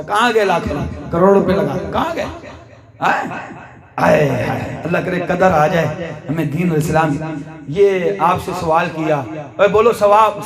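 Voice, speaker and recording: A male preacher delivering a passionate sermon at a large gathering. He asks the listeners questions, drops into soft confiding tones and then builds to shouts. His voice sits high, and the sound of a big crowd carries through the recording. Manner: impassioned, swings from soft low asides to shouting climaxes, quizzes the crowd. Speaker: Islamic preacher. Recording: live crowd audible behind.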